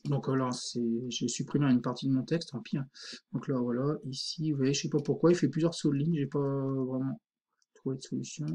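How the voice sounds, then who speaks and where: A man teaching a screen-recorded software tutorial, informal and thinking aloud, full of fillers. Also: medium pitch, steady tone, fairly quick, slightly rough.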